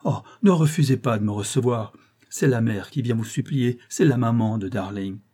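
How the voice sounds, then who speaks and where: A man's voice: moderate pace, warm tone, natural voice. Man voicing a desperate pleading mother. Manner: pleading, emotional, rising high.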